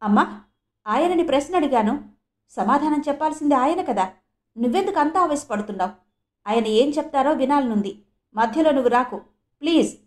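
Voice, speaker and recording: A woman's voice: a little high, normal speed, a little mellow, natural voice. A woman voicing a fiery young woman who speaks urgently and pleads in a storybook reading.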